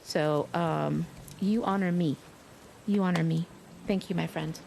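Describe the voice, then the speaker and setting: A woman's voice: lowish voice, measured pace, gravelly. A woman live streaming a game, chatting casually and effusively with her viewers and swearing freely. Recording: steady noisy ambience behind voice.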